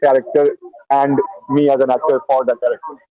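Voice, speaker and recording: A man's voice: mid-range voice, level tone, fairly quick, dry recording, dull audio. A man hosting a casual interview, asking playful, teasing questions. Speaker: host, actor.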